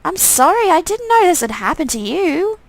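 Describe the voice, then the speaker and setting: A woman's voice: high-pitched, sing-song, a little fast, fairly bright tone, no echo, pitched above the performer's own voice. A woman playing an alarmed young heroine. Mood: shocked. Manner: alarmed, pleading. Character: frightened young woman, the player character.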